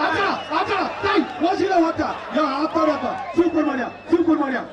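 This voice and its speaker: A man announcing an outdoor event through a loudspeaker, shouting and repeating short calls in live commentary. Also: extremely high pitch, animated, moderate pace. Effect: through a loudspeaker system. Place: outdoor bull-taming arena. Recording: echoey, distant, dull loudspeaker sound. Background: loud cheering crowd and noise.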